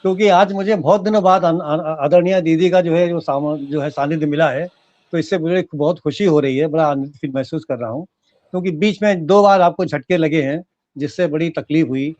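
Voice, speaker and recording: A man warmly welcoming a guest with effusive thanks, hesitating and restarting his words. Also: fairly high pitch, fairly quick, dry recording, highs cut off. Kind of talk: warm welcome speech.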